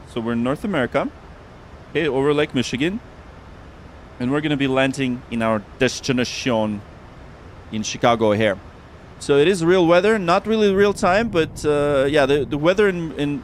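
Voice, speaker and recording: A man's voice: a little high, expressive, normal speed, slight background noise. A man hosting a casual flight simulator livestream, talking informally and often repeating his words. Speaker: livestream host.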